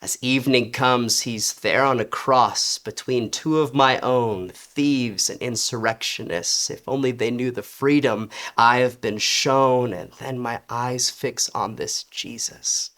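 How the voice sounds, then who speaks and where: A man giving a poetry reading, a first-person spoken word piece in a theatrical, deliberate way with dramatic pauses. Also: medium pitch, fairly bright tone.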